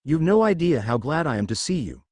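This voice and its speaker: A man's voice: a little high, sing-song, brisk, a little mellow, dry recording. A man voicing a weary, exasperated woman minister in a storybook reading, speaking in a gleeful, dramatic way.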